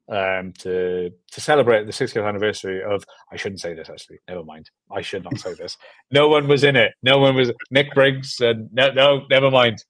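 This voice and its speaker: Here a film director from South Wales, in his 20s or 30s and with a South Welsh accent, is an interview guest on a video call, using earbuds in a small room at home. His voice is lowish and a bit bright, the recording dry. He chats casually and enthusiastically, frequently repeating words for emphasis.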